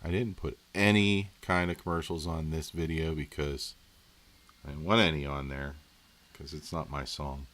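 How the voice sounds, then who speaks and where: Folksy low-voiced man hosting a stream. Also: fairly even intonation, moderate pace, a bit bright. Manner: rambling and folksy, talking to viewers. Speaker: live-stream host. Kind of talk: casual live-stream chat.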